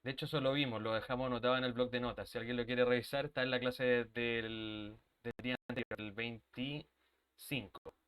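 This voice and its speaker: A man's voice: mid-range voice, fairly even intonation, normal speed, a bit bright, clean tone. A man teaching an online English grammar class, explaining step by step and checking in often with his students, sometimes drifting away from the mic as he moves to the board.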